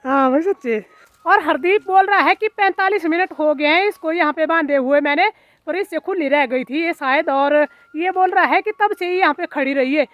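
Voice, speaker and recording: A woman's voice: very high voice, normal speed, a bit bright, no echo. A woman vlogger with a Mandyali-tinged Hindi accent, chatting casually outdoors at her hillside village farm, full of fillers. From Himachal Pradesh, India. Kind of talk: casual vlog narration.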